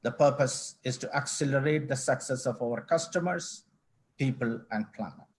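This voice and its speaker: This is a middle-aged man from Kerala, India, who runs a company as managing director and joins an online panel interview as a guest via video call. He talks in a mid-range voice, formal and measured, with frequent restarts.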